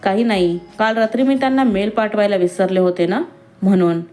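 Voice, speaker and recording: A woman voicing a timid young female employee who speaks softly and nervously, with faint music behind. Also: mid-range voice, a little fast, close to an everyday voice. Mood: worried. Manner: soft-spoken, nervous, innocent.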